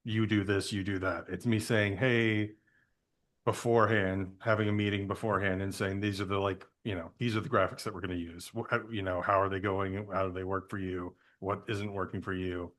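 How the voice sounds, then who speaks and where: A man hosts a podcast and chats casually with his guest. His voice sits low for a man, and he speaks in an easygoing way, often pausing and reaching for "uh" and "like". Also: level tone, a bit bright. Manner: hesitant, many fillers, easygoing. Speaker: podcast host. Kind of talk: casual interview.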